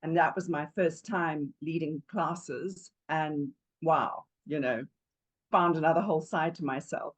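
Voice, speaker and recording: A woman's voice: low voice, fairly even intonation, a little slow, rough recording. Chatty older woman telling her story. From Zambia. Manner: chatty and digressive, warm laughs, searches for words. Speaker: yoga teacher, interview guest. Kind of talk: casual interview storytelling.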